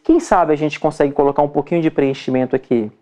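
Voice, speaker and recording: A man's voice: on the high side, fast, mellow. A man with a Brazilian Portuguese accent, a dermatologist teaching other doctors in an informal lecture, chatty and checking in with his listeners often. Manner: chatty, checks in with frequent "tá?" and "entendeu?"; acts out examples with shifting voice.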